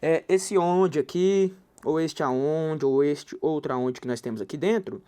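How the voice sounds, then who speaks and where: A man's voice: on the high side, unhurried, clean tone. A man from Goiás with a Goiás Brazilian Portuguese accent, teaching Portuguese grammar through stories and acting out the people he quotes. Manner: animated storyteller, acts out quoted people. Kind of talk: anecdotal grammar lecture.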